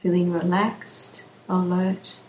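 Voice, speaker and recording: Woman, relaxation guide, very slow soothing delivery, mellow tone, roomy echo with faint hiss. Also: on the low side, little pitch movement. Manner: slow, soothing, drawn-out phrasing.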